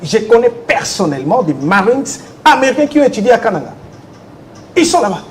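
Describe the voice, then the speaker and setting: A man's voice: high-pitched, very animated, fairly quick, slight background noise. A man from the Democratic Republic of the Congo, answering interview questions insistently with rhetorical questions. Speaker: interviewee, legal commentator.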